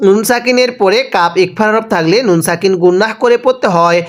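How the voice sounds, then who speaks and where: A man with a Bangladeshi Bengali accent teaching Quran reading in a spelled-out recitation lesson. He spells each word letter by letter, then recites it slowly and draws out the sounds. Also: sits high.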